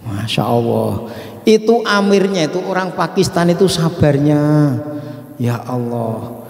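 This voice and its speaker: A man's voice: on the high side, measured pace, darkish tone. Male preacher, sermon in a mosque, storytelling to the congregation, long hall reverb. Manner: storytelling, often turning to the listeners; mixes in recited Arabic phrases.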